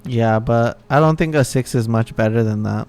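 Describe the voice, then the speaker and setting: A man streaming a card game live, talking to himself and his viewers, swearing at bad luck and muttering quietly between outbursts. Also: mid-range voice, normal speed, clear, resonant tone, soft background music.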